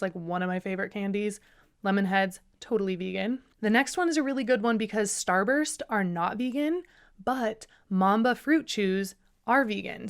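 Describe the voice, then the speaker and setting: Young woman, podcast host, chatty, bubbly, casual solo talk, mid-pitched voice. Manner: chatty and bubbly, with fillers and asides.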